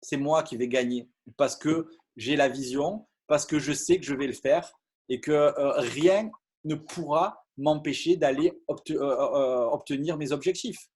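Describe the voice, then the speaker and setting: A man's voice: a little high, a little slow, a little mellow, breathy edge. A man giving an earnest motivational talk on a video call, with many fillers and restarts. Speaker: business opportunity speaker.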